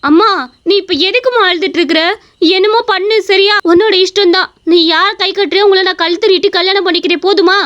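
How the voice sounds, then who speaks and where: A woman's voice: extremely high pitch, fast talker, pitched above the performer's own voice. Woman putting on a defiant young college girl. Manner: sharp, defiant, dismissive. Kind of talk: cartoon story voice acting. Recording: dull lo-fi recording.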